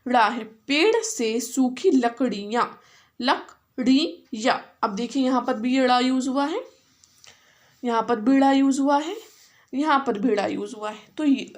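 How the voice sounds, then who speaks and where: Indian woman teacher, slow, patient pace, bilingual, spells words sound by sound. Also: high voice. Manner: slow, syllable-by-syllable spelling aloud; mixes English and Hindi. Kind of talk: Hindi phonics lesson.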